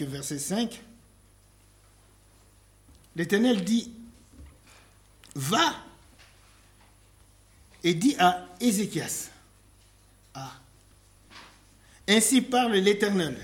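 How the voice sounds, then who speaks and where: A man preaching a sermon, posing rhetorical questions with dramatic pauses and reading scripture aloud in a slowed, solemn cadence. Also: sits high, a bit bright.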